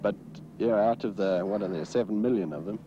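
A man's voice: on the low side, fast talker. A man answering questions for a 1970s newsreel in a casual, hesitant way with fillers, heard as old newsreel film sound. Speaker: interviewee. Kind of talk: newsreel street interview. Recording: dull 1970s newsreel audio outdoors with traffic.

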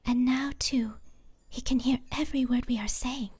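A woman voicing a serene, childlike, otherworldly empress in a fantasy audiobook, speaking in a gentle, measured, breathy whisper. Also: a little high, steady tone. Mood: grave, calm. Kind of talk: fantasy audiobook character dialogue.

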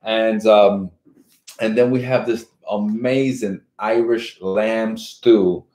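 His voice is fairly low and mellow. He's a middle-aged New Yorker co-hosting a live cooking stream with his wife, talking eagerly and at length in long tangents, recorded by a distant camera mic in an echoey home dining room set up as a studio, with kitchen clatter around him.

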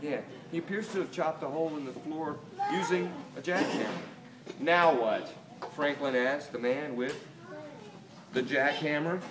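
Reading a picture book aloud to children, a middle-aged Delaware man who writes children's books uses a voice on the high side, expressive and punctuated by deliberate pauses and questions. He's indoors in a small toy shop. The sound, captured by a camera a few meters away, is roomy and distant, with loud room noise.

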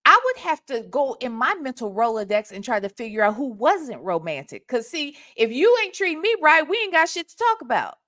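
This Ohio woman in her forties talks fairly quickly in a high voice with few pauses, her Southern US accent clear. Reacting to a call from a small room at home, she speaks into a desk microphone attached to her webcam setup with lively, sassy emphasis.

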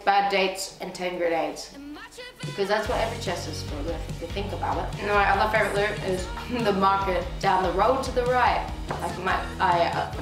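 Woman, twenties, hungover, mid-pitched voice, casual eating chat, playful exclamations, slang, echoey room. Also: fairly quick. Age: 20s. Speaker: singer-songwriter discussing own song. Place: indoor studio set with backdrop. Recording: echoey room, music behind.

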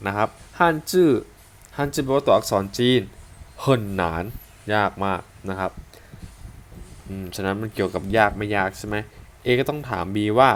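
Male teacher, Thai accent, lower pitch; patient, repetitive classroom explaining. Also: expressive, moderate pace, long pauses. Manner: patient, repeats and spells out example sentences. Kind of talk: online language lesson.

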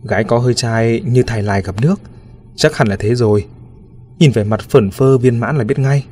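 A man's voice: mid-range voice, moderate pace, darkish tone, soft background music, lightly acted. A man voicing a nosy, blunt middle-aged village woman who pries in a familiar, gossipy way, in a spoken ghost story. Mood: prying. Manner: prying, familiar.

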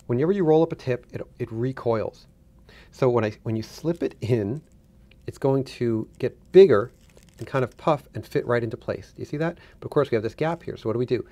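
A middle-aged man with a warm, medium-pitched voice appears as a guest demonstrator in a casual hands-on tutorial. He instructs step by step and repeats himself for emphasis.

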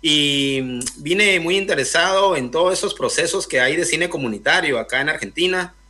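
A young man from Guatemala joins a radio interview over a video call. His voice is bright and fairly high, and he works through his points slowly, stopping often to search for words. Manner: thoughtful, hesitant with many fillers. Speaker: guest filmmaker. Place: indoor room, video call.

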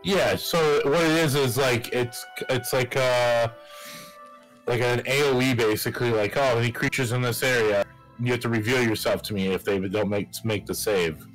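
Man, average pitch, casual gamer talk, faint background music. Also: fairly even intonation, normal speed, a bit bright, poor audio. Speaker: player. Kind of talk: casual tabletop game chat.

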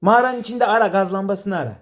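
A man's voice: sits high, fast talker. A man directing a comedy sketch, teasing and exasperated, laughing often. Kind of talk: playful directing banter.

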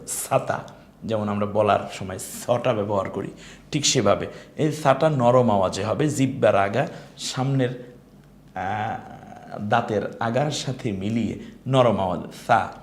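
A man teaching an online Quran lesson, patient and encouraging, drawing out Arabic letter sounds for students to repeat. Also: lowish voice. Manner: encouraging, addresses students politely.

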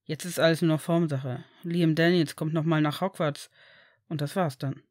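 A woman voicing a reserved, quietly warm grown man in a storybook reading, speaking low and measured. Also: fairly even intonation, no echo, clean studio sound, close to an everyday voice. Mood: reassuring.

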